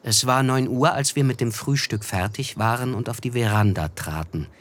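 Plain and measured in mood, a male actor with a medium-pitched voice lightly plays a melancholy narrator who reflects on the past. He tells a literary radio drama in thoughtful, measured phrasing.

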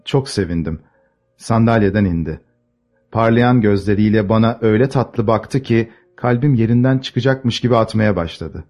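A man narrating a classic novel as an audiobook, measured and expressive. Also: lowish voice.

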